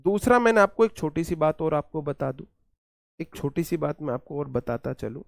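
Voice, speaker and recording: A man's voice: on the high side, lively intonation, gravelly, no echo. Man teaching grammar in a dry room. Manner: repeats words slowly to drill pronunciation, calls students "brother". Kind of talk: exam-prep lecture.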